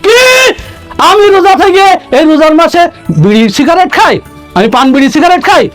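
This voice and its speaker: A man putting on a shouting half-deaf villager. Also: extremely high pitch, lively intonation, a little fast, faint music behind, voice pushed up. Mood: offended shouting. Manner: loud, shouting, takes offence. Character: hard-of-hearing hot-tempered male villager.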